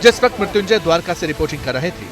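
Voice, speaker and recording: A male narrator delivers a dramatic scripted news report. His voice is fairly high and emphatic, with a theatrical build in the phrasing. Loud music runs underneath him. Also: lively intonation, very fast.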